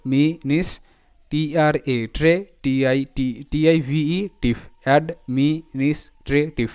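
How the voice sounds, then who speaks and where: Slow, deliberate male teacher. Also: on the high side, darkish tone, smooth. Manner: slow, deliberate spelling out of letters and syllables. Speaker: English teacher. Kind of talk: spoken lesson breaking words into syllables. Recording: dull lo-fi sound.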